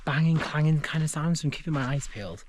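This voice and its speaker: A man's voice: a little high, fast, background noise. Chatty man hiking a mountain trail. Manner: chatty, loose with fillers, talks while walking. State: out of breath on climbs. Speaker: hiking vlogger. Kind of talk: casual chat while hiking.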